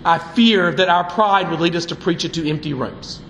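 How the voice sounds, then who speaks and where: A male pastor delivers a fiery, emphatic sermon in a high, bright voice. His words carry a sharp, forceful edge. The sound rings through an echoey church sanctuary with faint room noise behind it. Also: normal speed.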